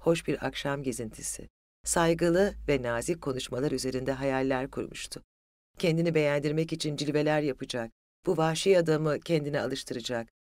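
An audiobook narrator reading a literary story in an even, steady way. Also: mid-range voice, no echo, clean studio sound.

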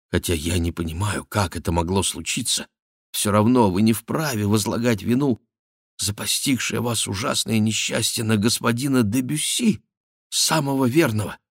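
A man's voice: mid-range voice, dry recording, studio quality, voice pushed up, natural voice. A man reading the part of a young noblewoman who earnestly implores and comforts an old baron. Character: young noblewoman, gentle and pleading.

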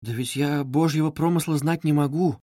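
A man's voice: on the high side, normal speed, dark tone, no echo, pitched above the performer's own voice, natural voice. A man voicing a timid, anxious young woman who pleads in a pained tone, read as an audiobook in a dry studio. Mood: anguished. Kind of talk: audiobook reading.

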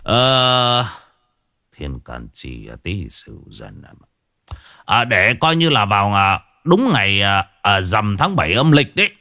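A man's voice: medium pitch, sing-song, a little slow, few pauses, pushed and bright, smooth, dry recording, clean studio sound, pitched above the performer's own voice. Man doing a firm, murmuring fortune teller for a spoken story. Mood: murmuring reckoning.

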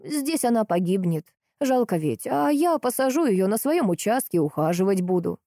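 Narrator doing a gentle old villager, timid, slow and kind. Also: female voice, mid-range voice, very animated, no echo, clean studio sound, pitched above the performer's own voice. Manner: gentle and shy. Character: shy, kindly old village man.

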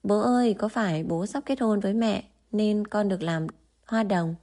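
A woman reading the lines of an excited little boy in a storybook. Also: mid-range voice, normal speed, lightly acted. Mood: eager. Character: cheerful little boy, eager and chatty.

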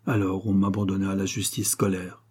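A man narrating a literary story aloud, in an expressive, dramatic reading style. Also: deep voice, fairly quick, breathy edge. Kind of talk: scripted audiobook narration.

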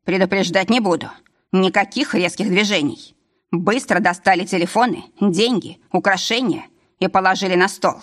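A woman's voice: mid-range voice, normal speed, lightly acted. A woman reading an audiobook and voicing a masked male robber who barks threatening orders.

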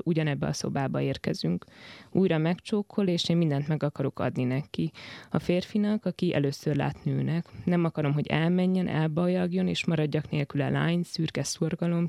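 A woman, the author, reading her own first-person literary story in a measured, intimate way in a radio studio. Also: low-pitched, fairly even intonation, creaky, mellow, dry recording.

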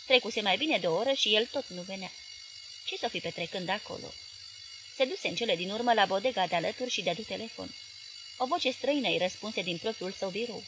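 A woman with a Romanian accent reading a literary novel as an audiobook narrator, in measured, clear narration. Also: medium pitch, background noise.

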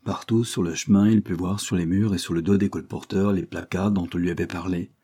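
Low husky male audiobook narrator. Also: steady tone, fairly quick, warm tone. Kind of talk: scripted narration.

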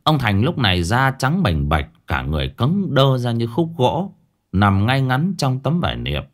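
A man narrating a ghost story in a lively, expressive way. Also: medium pitch, measured pace.

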